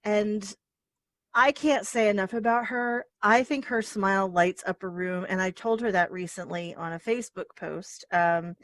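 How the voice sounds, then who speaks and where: A woman hosting an interview show, effusive and animated, often laughing. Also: medium pitch, normal speed, no room sound. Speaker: host. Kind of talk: casual interview chat.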